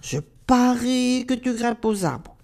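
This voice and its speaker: A woman's voice: a little high, lively intonation, slow, darkish tone. A woman voicing an experienced old grandmother rabbit in a storybook, knowing and wry.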